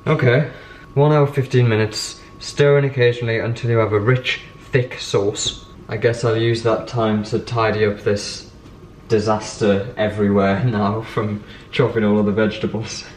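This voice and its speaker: With a lowish, darkish voice and a level tone at a moderate pace, a young vlogger chats casually and self-mockingly while fumbling through a recipe in his home kitchen. It's a casual cooking vlog, with cooking noise behind him.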